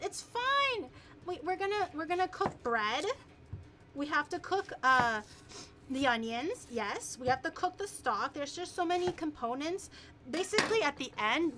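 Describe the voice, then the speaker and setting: A woman with a high-pitched voice hosts a casual live stream while cooking. She talks playfully to her viewers, teasing them and swearing lightly. The recording has noticeable noise, with clicks and chopping behind her. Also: bright, forceful tone.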